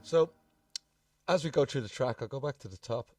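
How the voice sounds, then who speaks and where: A man's voice: mid-range voice, normal speed. A man giving a casual music production walkthrough, informal and thinking aloud as he presents. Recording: distant mic, music playing behind.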